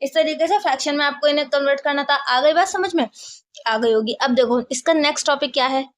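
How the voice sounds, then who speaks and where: A woman's voice: high voice, quick pace. A woman teaching a maths lesson, explaining step by step and often asking if the class follows.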